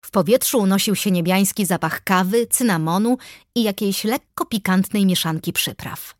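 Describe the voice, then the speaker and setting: A woman's voice: mid-range voice, normal speed, dry recording. Woman, audiobook narration, wry first-person telling, dry close studio sound. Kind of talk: scripted narration.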